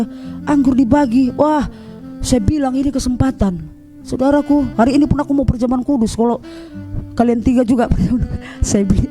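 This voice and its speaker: Woman evangelist, lively storyteller in the pulpit, faint music bed. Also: high-pitched. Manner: animated storytelling, keeps addressing listeners as brothers and sisters. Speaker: evangelist preacher. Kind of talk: sermon.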